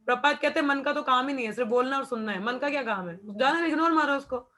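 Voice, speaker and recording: A woman's voice: high-pitched, fast talker, bright, forceful tone. A young woman patiently explaining spiritual practice in an informal class, slipping in English phrases. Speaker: devotional class speaker.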